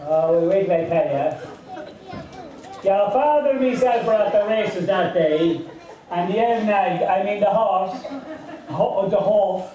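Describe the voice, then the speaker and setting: A man's voice: sits high, mellow. A man playing a brash, camp pantomime dame, a cheeky mother with an Irish accent, in live stage comedy. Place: theatre stage before an audience. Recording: echoey theatre, distant mic, audience noise.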